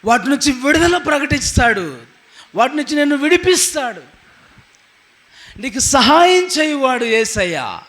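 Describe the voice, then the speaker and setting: A man with a high voice delivers a sermon from the pulpit. He drives each point home by asking the congregation questions and answering them himself, and he peppers his lines with hallelujah and amen. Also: sing-song, a little slow, pauses often, a bit bright. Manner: emphatic preaching, asks the congregation rhetorical questions and answers them. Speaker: pastor.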